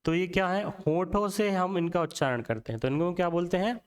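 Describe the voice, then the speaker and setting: In a Hindi grammar lesson, a young man speaks with a high, clean voice at a slow pace. Letter by letter he sounds things out aloud, repeating them, and he keeps asking the viewer questions.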